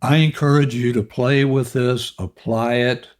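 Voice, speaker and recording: Slow, gentle male podcast host. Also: medium pitch, steady tone. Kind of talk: calm self-help podcast talk.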